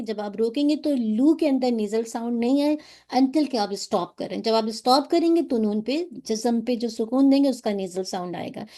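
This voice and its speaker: A woman teaching Quran recitation on a video call, explaining each sound patiently and modelling words slowly. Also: fairly high pitch, warm tone. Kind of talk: online tajweed class.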